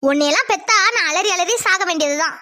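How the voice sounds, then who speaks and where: A woman voicing a nagging middle-aged mother in a Tamil cartoon, shrill and threatening as she scolds. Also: fast, pushed and bright. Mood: scolding.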